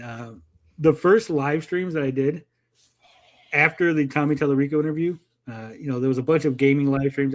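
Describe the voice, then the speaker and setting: A man hosting a live stream in casual chat, often tagging his points with "right?". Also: mid-range voice. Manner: often tags statements with "right?".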